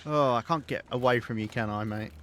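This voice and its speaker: Man, southern English accent, live game stream commentary, chatty, wry, average pitch. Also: a little fast, a bit bright, a little hiss or hum. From south of England. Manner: chatty and wry, swears, laughs often. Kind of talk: casual live gameplay commentary.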